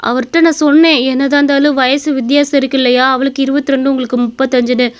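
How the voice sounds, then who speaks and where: A woman's voice: high voice, flat delivery, racing, smooth, natural voice. A woman voicing an anxious middle-aged mother in a cartoon story, coaxing and pleading. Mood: worried. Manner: pleading, persuasive. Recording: dull lo-fi recording.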